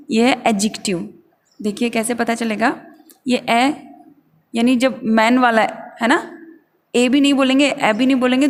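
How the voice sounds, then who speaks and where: Woman teaching pronunciation, slow and patient. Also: a little high, in a large hall. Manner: patient, repeats words slowly for students. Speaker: English teacher. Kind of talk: pronunciation lesson.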